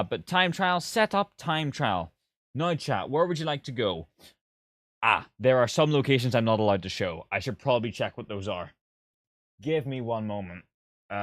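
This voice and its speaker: A man's voice: on the low side, a bit bright, no echo. A young man streaming live to his chat over a headset mic. He talks casually, swears freely and speaks straight to his viewers.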